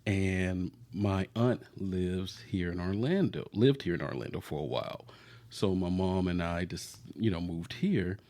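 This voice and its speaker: Low-voiced easygoing male podcast host. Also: warm tone. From Florida, US. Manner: easygoing, laughs often, drawn-out pauses. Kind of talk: casual podcast chat.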